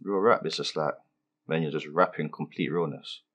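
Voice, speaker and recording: A man's voice: rumbling low, moderate pace, fairly bright tone, a little hiss or hum. A young man from London with a London accent, answering interview questions in laid-back street slang with lots of fillers. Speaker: rapper being interviewed.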